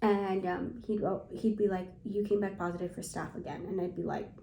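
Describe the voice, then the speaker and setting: A young woman chats to camera in a casual storytime vlog, her voice mellow and soft-edged. She keeps dropping "like" into her sentences as she relives an anxious moment. The room around her rings with a noticeable echo. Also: medium pitch, fairly even intonation, brisk, vocal fry, slight background noise. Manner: anxious retelling, heavy use of "like". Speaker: vlogger. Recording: echoey room.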